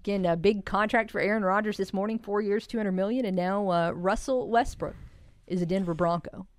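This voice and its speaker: A woman's voice: mid-range voice, fairly quick. A woman hosting a sports radio show with casual, joking, self-deprecating chat.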